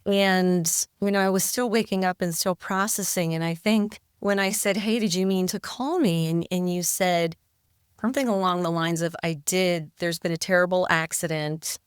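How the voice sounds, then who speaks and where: A woman's voice: mid-range voice, normal speed, clean tone, no echo, clean studio sound. A middle-aged woman recounting events as a podcast guest, reflective and hesitant, often repeating words. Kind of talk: interview storytelling.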